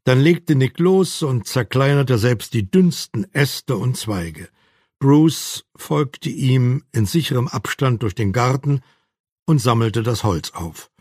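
Slow, measured male audiobook narrator. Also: medium pitch, lively intonation, darkish tone, dry recording, clean studio sound. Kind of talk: scripted narration.

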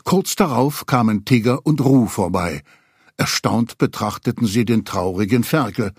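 A man reading a children's story aloud, expressive storyteller. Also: mid-range voice, a little slow, husky, no echo, studio quality. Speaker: narrator.

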